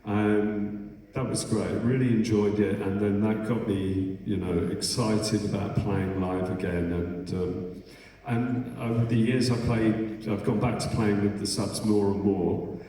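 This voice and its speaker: A middle-aged man, a bass player, telling rambling, swear-filled stories on a festival stage. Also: fairly even intonation, measured pace, dark tone. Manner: rambling, swearing, full of restarts. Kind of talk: casual onstage anecdote. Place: festival hall. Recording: echoey hall, from far off.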